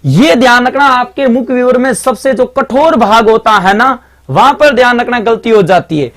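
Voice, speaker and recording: A man's voice: very high voice, moderate pace, a bit bright. A male teacher with a Marwari accent giving a live online grammar lesson, chatty and repetitive, constantly reminding students to pay attention.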